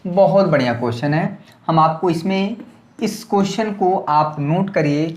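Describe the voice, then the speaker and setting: Teaching maths at a board with a slightly sore throat, a man speaks at a measured pace in a voice on the high side. He is chatty and casual, often checking that students follow with repeated "clear?" prompts, and the sound is roomy.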